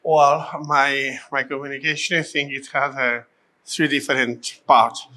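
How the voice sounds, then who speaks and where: A middle-aged man from the Basque Country with a Basque accent, explaining in measured second-language English as an interviewee. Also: mid-range voice, level tone, pushed and bright. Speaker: interviewee, language rights advocate.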